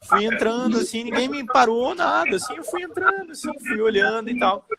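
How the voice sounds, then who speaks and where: Over a loud crowd, a Brazilian man who works as a personal trainer tells his story casually, acting out the dialogue with animation. His voice is extremely high, creaky and a little fast.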